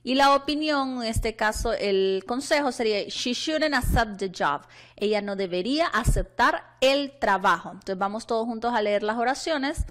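A female English teacher from Honduras explaining a grammar lesson in Spanish and reading English example sentences slowly and clearly. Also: on the high side. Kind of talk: classroom lesson.

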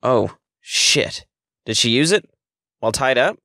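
A man voicing a gruff male kidnapper who speaks in a threatening way. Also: medium pitch, animated, unhurried, bright, forceful tone, dry recording, studio quality, pitched above the performer's own voice.

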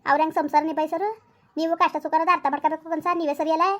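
A fiery village wife argues back and hurls curses at her husband, played by a woman. Her voice is high and shrill, and her words come out at a furious pace. It is a rural comedy sketch. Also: flat delivery, very fast, muffled recording, natural voice. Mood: defiant. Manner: argumentative, shrill, cursing. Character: fiery village wife, quick-tongued and cursing.

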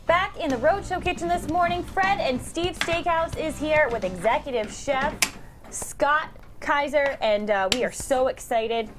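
A woman hosting a morning TV show from a studio kitchen, upbeat and quick to react. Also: sits high. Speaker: TV show host. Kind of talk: morning TV chat. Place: TV studio kitchen by a sizzling stove.

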